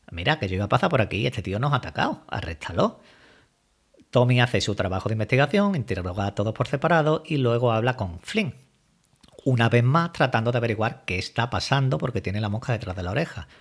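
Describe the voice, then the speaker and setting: A man from giving a casual, lively recap of a TV episode, loosely acting out the characters' lines as he retells them. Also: mid-range voice, brisk, slightly rough. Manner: lively retelling, voices quoted dialogue loosely. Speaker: series recap commentator.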